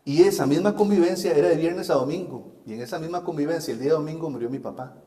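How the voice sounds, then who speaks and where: A man's voice: a little high, fast, mellow. A middle-aged Costa Rican man preaching a sermon, telling his own testimony in a folksy, self-mocking way. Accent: Costa Rican Spanish. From Costa Rica. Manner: folksy storyteller, laughs at himself. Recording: echoey hall with long reverb.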